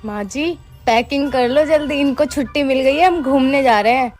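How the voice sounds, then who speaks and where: A woman's voice: high-pitched, normal speed, a little mellow, faint music behind. A woman acting a cheerful, teasing daughter-in-law in a scripted family drama.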